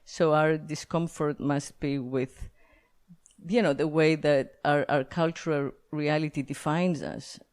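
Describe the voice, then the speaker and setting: Speaking in a smooth, low, dark-toned voice, this podcast host from Greece keeps a steady, unhurried delivery. She interviews her guest casually, wandering off track and sprinkling in plenty of fillers and laughs.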